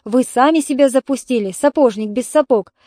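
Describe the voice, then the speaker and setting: Indignant neighbour lady scolding, woman reading, dark mellow dry sound. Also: high voice, normal speed, no echo, close to an everyday voice. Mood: lecturing. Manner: indignant, lecturing. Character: indignant middle-aged female neighbour, lecturing.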